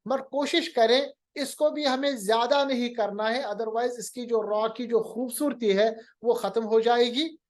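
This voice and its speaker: A man's voice: very high voice, steady tone, measured pace, few pauses. A man teaching Quran recitation in a recorded lecture, patiently explaining, mixing in English terms and drawing out sounds to demonstrate them.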